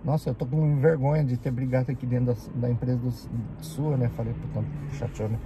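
Gravelly-voiced Brazilian man telling a story. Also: medium pitch, fairly quick, highs cut off, slight background noise. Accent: Brazilian Portuguese. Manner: animated, acts out the people in his stories. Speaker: vlogger. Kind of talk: casual storytelling.

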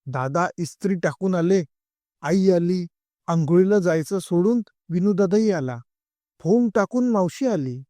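A man narrating a comic story in an unhurried, expressive reading. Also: high voice, dry recording.

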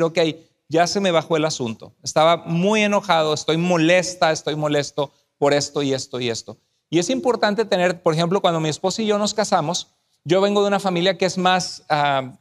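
A man with a rather high voice preaches to couples at a church conference. He tells marriage stories in a lively way and slips into little acted quotes. He also reads out scripture verses in a sermon tone. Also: long reverb tail. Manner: lively storytelling, acting out quoted arguments. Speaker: pastor speaking at a couples conference.

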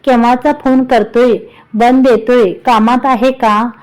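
A woman's voice: on the high side, fairly even intonation, a little slow, darkish tone, natural voice, low-quality recording. A woman reading the part of an impatient, lovesick young husband, grumbling and irritated, in a storybook-style narration.

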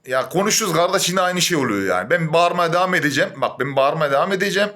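Young male vlogger, angry rant, higher pitch, mutters then flares up, swears oaths. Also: lively intonation, quick pace, a bit bright. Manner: heated, swings between muttering and raised voice. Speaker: gym-goer venting on camera.

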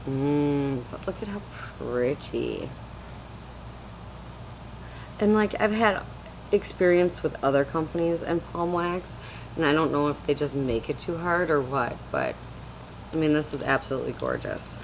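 A low-voiced woman vlogger chats at normal speed into a webcam at her desk in a small room at home, her voice showing vocal fry over a noisy background. It's a casual product haul chat, rambling and full of fillers.

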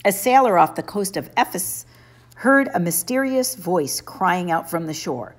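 A woman's voice: on the low side, animated, normal speed. A woman voicing an earnest, plaintive young male satyr in an audiobook.

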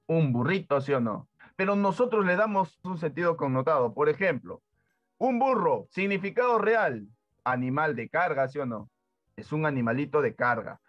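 Guy teaching a lesson, kinda high voice, dull dry lo-fi sound, faint music under it. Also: normal speed, no echo. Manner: keeps asking "¿sí o no?" as a check-in, lively teacherly emphasis. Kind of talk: classroom-style explainer lesson.

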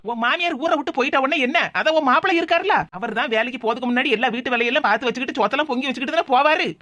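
A woman with a Tirunelveli Tamil accent voicing a sharp-tongued young daughter-in-law who answers with quick, sarcastic retorts. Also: high-pitched. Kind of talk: cartoon voice acting.

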